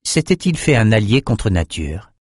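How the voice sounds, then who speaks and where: A man narrating a fantasy audiobook in a measured, even storytelling manner. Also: lowish voice, husky, no echo, studio quality.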